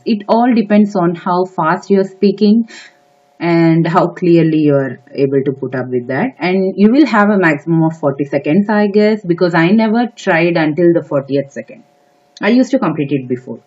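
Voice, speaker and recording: A woman with a lowish, mellow voice explains exam steps in an instructive lesson, repeating key advice and pausing on fillers. The audio is slightly dull and lo-fi. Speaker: exam prep tutor. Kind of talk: spoken test-prep lesson.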